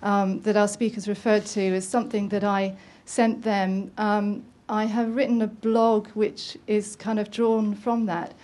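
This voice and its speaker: A woman's voice: medium pitch, flat delivery, unhurried, hardly any pauses, a little mellow. A woman from the audience putting a long, hesitant question to a panel, with many ums and restarts. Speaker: audience member asking a question. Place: conference room.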